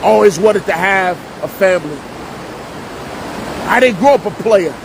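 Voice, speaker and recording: Middle-aged man, New street talk, higher voice, heavy background rumble. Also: lively intonation, a little slow, gravelly. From Jersey City, New Jersey. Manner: streetwise slang, repeats himself for emphasis. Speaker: vlogger and preacher. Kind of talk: casual storytelling monologue. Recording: loud rumbling noise behind voice.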